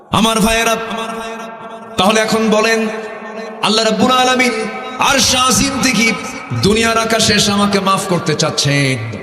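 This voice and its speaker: Booming preacher in an echoey hall. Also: male voice. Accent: North Bengal (Bogura) Bengali. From Bogura, Bangladesh. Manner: call-and-response, prompts the crowd to chant back; swings between loud exhortation and low asides. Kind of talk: Islamic sermon (waz) to a live crowd. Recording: echoey hall with long reverb.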